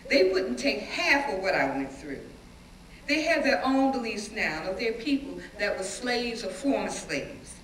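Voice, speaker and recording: Before a live audience in an echoey indoor room, a woman gives a dramatic stage reading as a defiant, plain-spoken schoolteacher reminiscing about riots, telling the story in an animated, emphatic way with dramatic pauses. Her voice is mid-range, captured by a distant microphone in a roomy, noisy hall recording.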